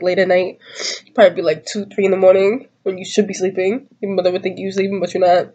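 Indoors in a small home room, a woman in her twenties chats casually to camera for a tag video, rambling, giggling, and using slang while a bit congested from a cold. She speaks at medium pitch with a darkish tone, and the audio is dull.

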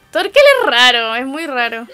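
With a high, sharp-toned voice, a young woman speaking with a Chilean Spanish accent reacts to anime for her viewers. She comments casually, exclaiming and offering sympathetic asides.

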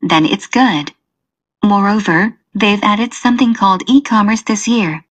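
A woman acts as a friendly, curious female student with a husky, mid-pitched voice. The lines are a scripted exam dialogue. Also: unhurried.

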